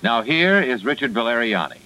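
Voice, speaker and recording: A man's voice: mid-range voice, very animated, a little fast, bright, forceful tone, soft background music, poor audio. An American man announcing programs and sponsors in the style of 1960s network radio.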